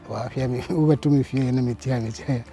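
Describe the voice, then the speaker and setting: A man's voice: mid-range voice, fairly even intonation, fairly quick, mellow, soft background music. A man from Ghana giving an interview in his own language, chuckling between phrases.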